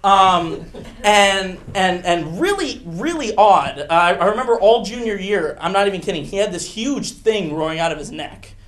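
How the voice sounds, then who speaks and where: A young man telling a rambling, self-mocking true story from high school as an improv monologue. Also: animated, moderate pace, a bit bright. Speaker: improv performer.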